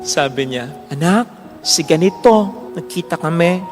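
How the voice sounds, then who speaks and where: A man, a priest preaching a sermon in an animated way, often jumping into quoted voices and mixing in English. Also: on the high side, measured pace, long reverb tail, faint music behind.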